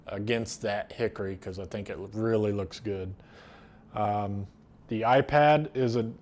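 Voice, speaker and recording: With a mid-range, slightly mellow voice, a middle-aged American man explains a DIY project casually and without a script. He is a woodworking video host and keeps his wording plain.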